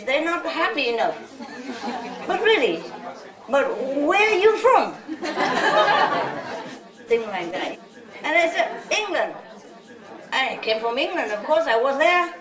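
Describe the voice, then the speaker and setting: A woman from Vietnam with a high voice gives an informal spiritual talk, chatting and telling stories with frequent "you know?" asides. She is heard from a distance in a large, reverberant hall. An audience murmurs around her. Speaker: spiritual teacher.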